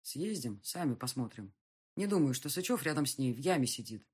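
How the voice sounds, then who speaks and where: A woman's voice: a bass voice, lively intonation, a little fast, darkish tone, husky, pitched below the performer's own voice, exaggerated voice. A woman voicing a blunt, impatient male detective who speaks curtly and dismissively. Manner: curt and dismissive.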